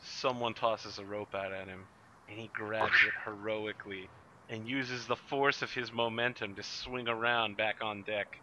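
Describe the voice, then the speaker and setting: A man's voice: on the low side, fairly even intonation, moderate pace. A man narrating a tabletop role-playing game as game master. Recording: dull recording, faint noise, clicks.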